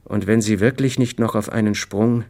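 A man reading the lines of a composed, reserved grown woman in an audiobook, barely shifting his own deep voice. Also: steady tone, moderate pace, a little mellow, close to an everyday voice. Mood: flustered.

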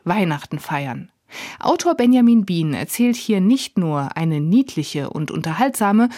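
A woman reading a scripted radio book review in a wry, clear manner. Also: medium pitch, darkish tone, no echo, studio quality.

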